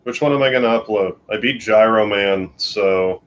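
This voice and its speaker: A man's voice: fairly low pitch, normal speed, dull audio, a little hiss or hum. A tired man from Canada chatting casually and rambling on a late-night live stream from his bedroom. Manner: sleepy, rambling, yawning. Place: home bedroom.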